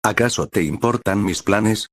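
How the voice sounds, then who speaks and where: A man's voice: on the low side, a little slow, dry recording. A man voicing a rude, impatient young female trainer who talks in a scornful, sarcastic way while reading a story aloud. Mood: irritated.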